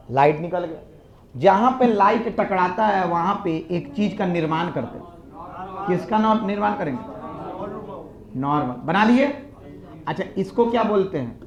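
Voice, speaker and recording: A man teaching physics in a classroom, coaxing students with repeated questions. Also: high-pitched. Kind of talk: classroom lecture. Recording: echoey room, dull lo-fi sound.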